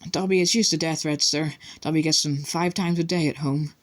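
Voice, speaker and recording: A man's voice: a little high, steady tone, a little fast, voice pushed up, close to an everyday voice. A man voicing a small, miserable male house elf who talks humbly and servilely. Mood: pleading. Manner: humble, servile, refers to himself by name.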